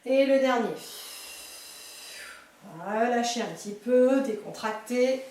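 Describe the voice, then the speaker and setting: Female fitness coach, high voice, very echoey room, mic set back, counts reps and cues breathing. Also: slow pace, darkish tone, recorded from a distance, a little hiss or hum. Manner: encouraging, light teasing. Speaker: fitness instructor. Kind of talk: guided chair exercise class.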